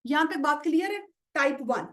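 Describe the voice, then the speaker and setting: A woman's voice: sits high, animated, fairly bright tone. A woman teaching Quranic grammar in an online lesson, patiently checking understanding and stretching out example words. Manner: drawls example words slowly to show pronunciation.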